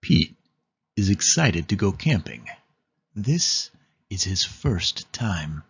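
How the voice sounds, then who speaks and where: A man reads a children's picture book aloud in an animated, expressive storytelling style with deliberate phrasing. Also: sits low, slightly rough, lo-fi sound. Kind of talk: animated read-aloud narration for young children.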